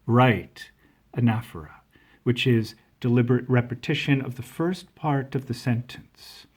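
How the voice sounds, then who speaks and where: A man teaching a reading lesson on poetry, reading lines aloud slowly and with deliberate emphasis. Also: medium pitch, husky.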